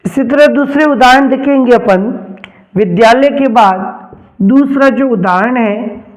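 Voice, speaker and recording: A man's voice: very high voice, unhurried, rough recording. A man teaching a grammar lesson, repeating each term and asking and answering his own questions.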